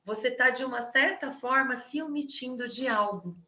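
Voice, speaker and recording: A middle-aged Brazilian woman with a Brazilian Portuguese accent coaches a live audience on sales, talking conversationally and often asking them questions. Her high voice is bright and forceful at normal speed, and the lo-fi audio sounds slightly dull.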